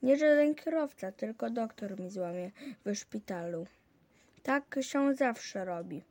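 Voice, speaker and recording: A woman's voice: medium pitch, expressive, slow, darkish tone, no echo. A woman reading aloud, voicing a proud, bossy boy with a broken leg who talks down to his friends in a superior manner. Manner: superior, lordly.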